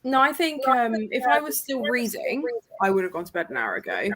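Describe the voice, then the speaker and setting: A woman's voice: fairly high pitch, expressive, a little fast, fairly bright tone, no room sound. A woman who teaches, chatting on a reading stream with wry, dry humour. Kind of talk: casual chat on a livestream.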